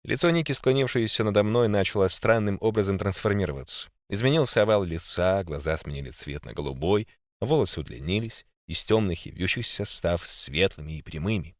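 A man's voice: on the low side, no echo, clean studio sound. A man narrating a first-person story expressively and voicing every character himself. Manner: expressive, voices all characters. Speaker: audiobook narrator.

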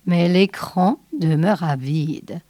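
A woman reading a science fiction novel aloud in a measured, expressive way. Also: fairly low pitch, no echo, clean studio sound. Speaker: reader.

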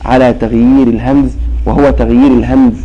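A man's voice: mid-range voice, level tone, fast, lo-fi sound. A man teaching a religious recitation lesson, explaining patiently and quizzing his students with repeated questions. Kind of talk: classroom lesson.

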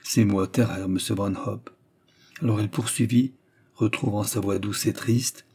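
A man reading a classic novel aloud in measured, scripted narration. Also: lowish voice, fairly even intonation, warm tone, slightly rough. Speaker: audiobook reader.

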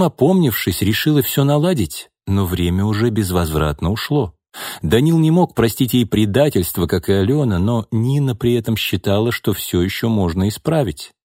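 A man reading a novel aloud as audiobook narrator, in a steady, even manner. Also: fairly low pitch, no room sound, studio quality. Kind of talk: scripted narration.

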